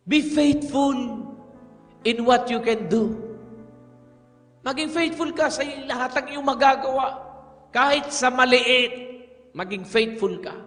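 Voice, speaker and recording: A man with a Filipino accent preaching a sermon as pastor, moving between Tagalog and English with emphatic, measured delivery. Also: very high-pitched, fairly bright tone. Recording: music under a long hall reverb.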